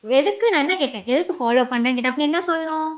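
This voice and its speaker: A woman's voice: high voice, racing, dull audio. A young woman acting a wife in a comedy skit, coaxing and then scolding her partner in a nagging way. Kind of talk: acted comedy skit dialogue.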